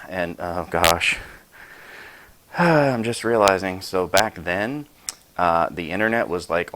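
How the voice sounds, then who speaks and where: Casting note: forties male vlogger, very low voice, rambling, self-deprecating, casual show-and-tell. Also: fairly bright tone. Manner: chatty, self-deprecating, rambling asides with sound effects. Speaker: YouTube host showing his sword collection.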